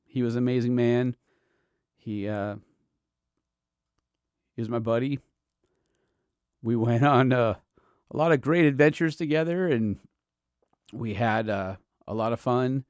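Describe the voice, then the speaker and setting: A middle-aged man and podcast host, from Southern California, sharing fond, halting memories in a personal tribute, with soft laughs between thoughts. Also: mid-range voice, clear, resonant tone, no echo, studio quality. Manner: halting, tender, fond laughs while reminiscing. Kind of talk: personal tribute, emotional storytelling.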